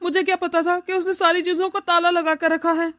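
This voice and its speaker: A woman voicing a grown son and brother in a cartoon story, earnest and quick to anger. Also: extremely high pitch, level tone, a bit bright. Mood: apologetic. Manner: earnest, outraged. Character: grown son and brother, earnest, hot-tempered then apologetic. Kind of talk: cartoon voice acting.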